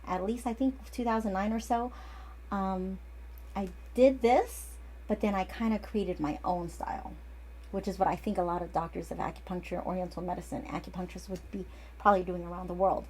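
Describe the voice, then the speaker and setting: An acupuncturist in her forties gives a casual, chatty lesson that often drifts off topic and restarts. Her voice is medium-pitched, steady, brisk, and darkish, with slight background noise.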